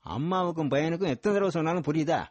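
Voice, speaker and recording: A man's voice: fairly high pitch, fast, natural voice. An actor playing a stern businessman father who talks down to his son in a curt, lecturing way.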